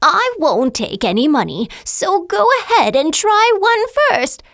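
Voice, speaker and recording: A woman's voice: high-pitched, big pitch swings, unhurried, fairly bright tone, dry recording, studio quality, heavily acted. A woman doing a cackling wicked queen. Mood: wheedling. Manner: theatrical, cackling. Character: vain, wicked adult queen, later an old crone. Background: background music.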